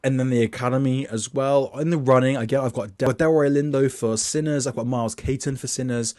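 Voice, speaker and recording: A man's voice: mid-range voice, steady tone, brisk, darkish tone, no echo, studio quality. A young man casually talking through his film award predictions, chatty and loose, with plenty of restarts, reading from his notes. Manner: reads his list off notes.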